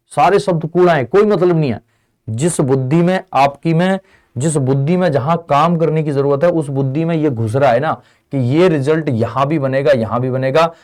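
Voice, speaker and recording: A young man teaches a classroom lesson in a chatty way, frequently asking students whether they follow. His voice is on the high side with a darkish tone.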